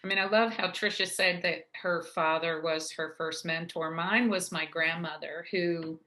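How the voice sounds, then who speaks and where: Woman panelist, low bright voice, frank storyteller, casual video-call chat. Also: fairly even intonation. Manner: frank and anecdotal, halting restarts. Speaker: conference panelist.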